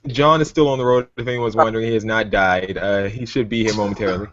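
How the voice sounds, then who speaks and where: A man's voice: fairly low pitch, steady tone, quick pace, fairly bright tone, no echo. A man hosting a casual sports talk podcast, brash and teasing, bossing his co-hosts around. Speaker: podcast host. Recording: dull lo-fi recording.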